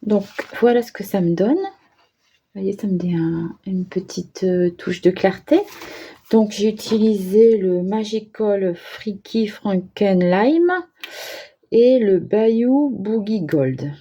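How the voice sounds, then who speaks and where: Slow, mellow-voiced woman crafting. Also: medium pitch, breathy edge. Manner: hesitant, thinking aloud with fillers and self-deprecating asides. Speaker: craft vlogger. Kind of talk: casual crafting commentary.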